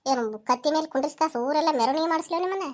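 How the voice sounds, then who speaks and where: A woman playing an angry village mother who lectures and threatens loudly, with a North Karnataka Kannada accent. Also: high voice, very fast, natural voice. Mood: furious. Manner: loud scolding lecture.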